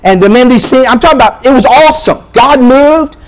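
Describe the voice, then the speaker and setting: High-voiced joking preacher man. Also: a little fast, rough recording. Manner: energetic, joking preacher who keeps asking "all right?". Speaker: pastor. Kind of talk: sermon.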